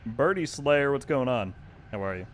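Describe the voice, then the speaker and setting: A man's voice: mid-range voice, animated, normal speed, slight background noise. A man streaming a video game, chatting casually and thanking viewers by name. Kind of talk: casual live-stream chat.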